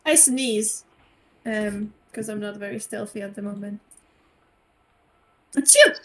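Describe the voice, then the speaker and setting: A woman's voice: mid-range voice, steady tone, moderate pace, a little hiss or hum. A woman playing in a tabletop game, chatting casually and laughing often. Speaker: player.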